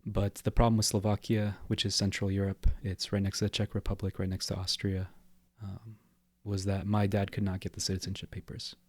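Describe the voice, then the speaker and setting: Podcast guest, man in his twenties, measured and reflective, fairly low pitch, little melody. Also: slightly rough, no echo. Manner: reflective, steady, explanatory. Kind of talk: casual interview talk.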